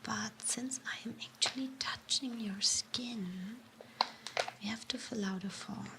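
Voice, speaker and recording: Slow whispering German woman, ASMR role-play. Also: on the high side. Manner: slow, hesitant, playful, reassuring. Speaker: ASMR performer playing an office clerk. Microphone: close binaural microphone.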